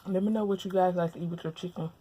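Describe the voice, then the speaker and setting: Mukbang host: young woman from Louisiana, lapel mic at home, mellow lowish voice, relaxed chatter between bites. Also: rapid-fire. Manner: relaxed, chatty, talks with mouth full. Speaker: mukbang vlogger. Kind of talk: casual chat while eating. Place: at home, indoors.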